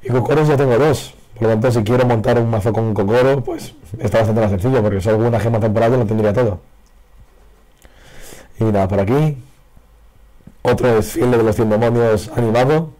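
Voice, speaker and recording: Man, hoarse, losing his voice, excitable card game commentary. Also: mid-range voice, a little fast. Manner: excitable, reacts loudly to pulls. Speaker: card game video creator. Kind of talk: casual pack-opening commentary. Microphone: faulty broken microphone.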